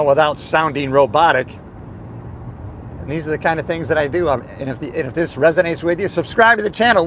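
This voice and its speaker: Guy doing a motivational vlog in his car, slightly high voice, emphatic n upbeat, some road noise. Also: fairly bright tone. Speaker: motivational vlogger. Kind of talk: motivational vlog chat while driving. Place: inside a moving car.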